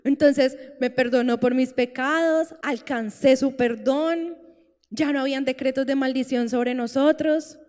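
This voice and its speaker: A woman preacher giving a heartfelt sermon testimony, slow pauses building to tearful pleading. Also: high voice, a little mellow. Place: church hall. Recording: long church reverb with faint music.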